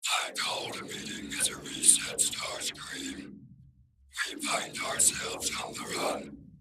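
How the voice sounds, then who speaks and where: Soundwave, a whispery robotic commander. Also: male voice. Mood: coldly commanding. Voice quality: flat, unvoiced whisper. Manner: slow, measured, coldly formal. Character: cold menacing male robot commander. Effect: whispery robotic voice filter. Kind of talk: comic dub narration. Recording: distant, echoey, heavy noise.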